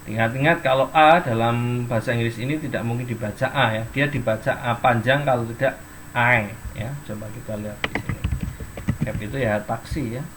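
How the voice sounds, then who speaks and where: A man's voice: medium pitch, steady tone, normal speed, fairly bright tone, slight background noise. A man teaching English in an online class, explaining step by step and reading example sentences and dictionary entries aloud.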